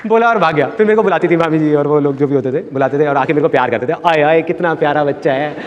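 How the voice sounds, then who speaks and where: A man's voice: a little high, very fast, lo-fi sound, some chatter behind. A man giving a live motivational talk to an audience, telling childhood stories animatedly and acting out family members' voices. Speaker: motivational speaker. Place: stage in a large hall with audience. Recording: reverberant hall with audience.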